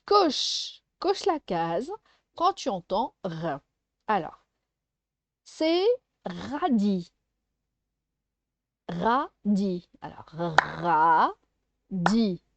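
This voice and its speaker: Patient woman teacher, very slow, lively rising and falling voice, dry close sound, sounds out syllables for a small child. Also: fairly high pitch. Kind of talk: first-grade phonics lesson.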